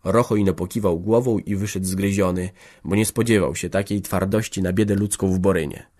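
A man reading a classic novel aloud as an audiobook narrator, in a measured, even storytelling manner. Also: sits low.

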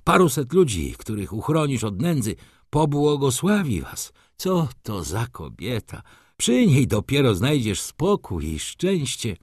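An excitable old shop clerk, as a man reading the book puts him on, fussing and coaxing in a raised, lively voice that leaps up and down. His talk is eager and chattering, and the dry, close reading leaves no room sound around him. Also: medium pitch, a little slow, dry recording, pitched above the performer's own voice. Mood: eager, pleading.

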